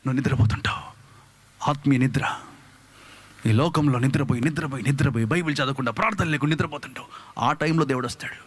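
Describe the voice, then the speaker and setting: A man's voice: mid-range voice, fast, long pauses. A male pastor, preaching a fervent sermon full of repeated rhetorical questions. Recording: reverberant hall.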